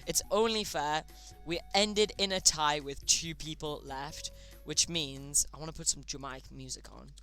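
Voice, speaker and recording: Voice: mid-range voice, fairly even intonation, normal speed, few pauses, sharp tone, soft background music. A streamer casually hosting a chat game live, chatty and often tripping over words.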